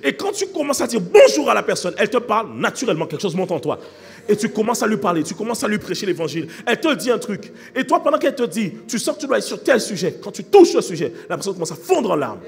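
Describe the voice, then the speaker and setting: Man, pastor, fervent sermon, shouts then talks fast and low, high voice, long hall echo. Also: sing-song, vocal fry. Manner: fervent preaching, swings between shouting and rapid quiet talk.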